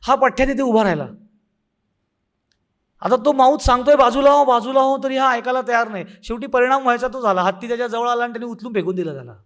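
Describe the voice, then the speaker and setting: A man's voice: very high voice, fast talker, fairly bright tone. A man, a spiritual teacher, giving a devotional discourse that mixes humorous parables with quoted saint verses and occasional laughs.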